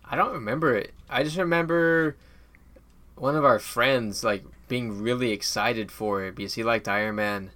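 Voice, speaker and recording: Young male co-host, casual, halting, pokes fun at himself. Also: mid-range voice, pushed and bright. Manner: rambling, halting, self-mocking. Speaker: podcast co-host. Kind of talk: casual chat.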